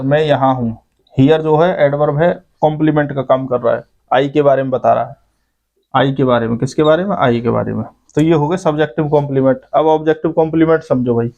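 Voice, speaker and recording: A man teaching an English grammar lesson, his voice sitting a little high for a man. He explains patiently, point by point, and keeps asking the class if it is clear. The recording sounds dull and lo-fi. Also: a little mellow. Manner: explains step by step, keeps adding "ठीक है भाई".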